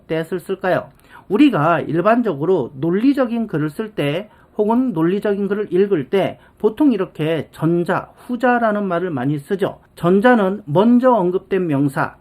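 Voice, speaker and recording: An English grammar teacher giving a casual spoken lesson, chatty and explanatory, who acts out little quoted dialogues. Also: mid-range voice. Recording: background music.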